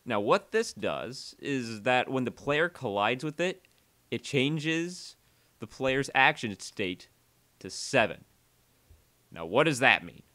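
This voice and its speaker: Taking it slowly, a man gives a casual, conversational voice-over for a software tutorial. His medium-pitched voice is very animated, with uneven energy and weight placed on key words.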